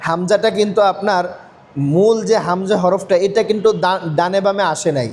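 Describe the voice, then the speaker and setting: A man teaching Quran reading step by step, asking questions and answering them himself, slowing down to spell out letters. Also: high-pitched, fairly even intonation, a little mellow, slight background noise. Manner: slows down to spell out and recite letters. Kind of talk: step-by-step recitation lesson.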